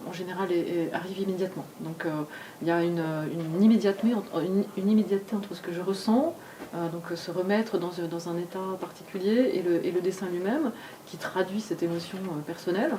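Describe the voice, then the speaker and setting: A woman in her forties, raised in Argentina and France, speaking at a bookshop author talk, halting with many fillers and restarts. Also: on the low side, mellow. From grew up in Argentina and France. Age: 40s. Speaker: comic artist guest at a bookshop talk. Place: bookshop event. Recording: distant mic, faint room noise.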